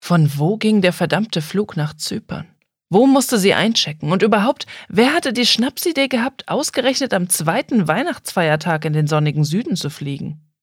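A woman voicing a flustered, hurried woman traveler who talks anxiously and apologetically, on a dry studio recording. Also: fairly low pitch, expressive, breathy edge, no room sound. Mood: exasperated.

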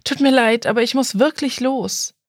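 A woman voicing a flustered, hurried woman traveler who talks anxiously and apologetically, on a dry studio recording. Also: on the high side, dry recording, voice pushed up, lightly acted.

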